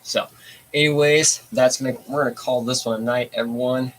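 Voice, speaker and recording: A man's voice: medium pitch, fairly even intonation, a little fast, fairly bright tone, rough recording. A man hosting a casual hobby livestream, talking in a laid-back, rambling way with plenty of fillers. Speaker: livestream host.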